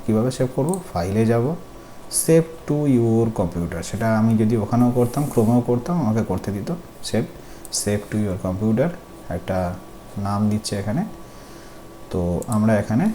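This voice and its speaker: A man's voice: lowish voice, mellow. Patient man teaching coding step by step. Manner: patient, explaining step by step with questions to students. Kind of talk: screen-recorded tutorial. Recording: faint background noise.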